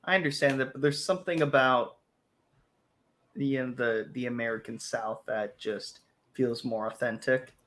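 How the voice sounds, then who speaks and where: A man's voice: medium pitch, steady tone, moderate pace, a bit bright. A young man, a guest on a late-night stream, talking bluntly and sarcastically with strong opinions. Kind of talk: casual late-night chat.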